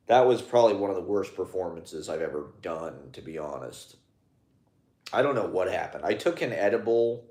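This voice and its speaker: A man who performs as a clown, speaking to his phone in a rambling casual monologue, halting, with many fillers and restarts. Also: low-pitched, darkish tone, roomy sound.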